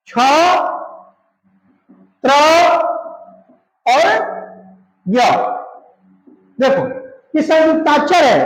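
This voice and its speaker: A male teacher drills his students, putting questions and answering them himself. His voice sits very high. It rings in an echoey room. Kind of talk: classroom-style Hindi grammar lesson.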